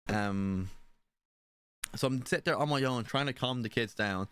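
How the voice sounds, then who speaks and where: A man's voice: mid-range voice, normal speed, fairly bright tone, clear, resonant tone. A young man telling a personal story in a casual, rambling way, often swearing and asking "you know what I mean". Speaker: stream participant.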